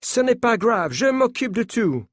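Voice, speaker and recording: A man's voice: very high-pitched, big pitch swings, a little slow, no room sound, studio quality, pitched above the performer's own voice, full character voice. A man voicing a brash male American sports coach who insists he has everything under control. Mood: insistent. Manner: insistent, reassuring, talks over others.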